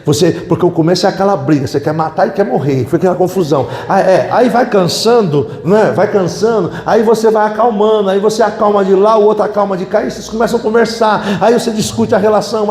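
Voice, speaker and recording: A middle-aged man, preaching to couples in a lively, humorous way and questioning the audience. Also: high voice. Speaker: pastor. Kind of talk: sermon at a couples' retreat. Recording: echoey hall.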